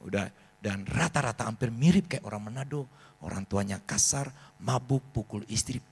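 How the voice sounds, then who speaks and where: A man, preaching a sermon as pastor and telling animated stories. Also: mid-range voice, normal speed, creaky, breathy edge. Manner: animated storytelling, acts out voices of people in his stories.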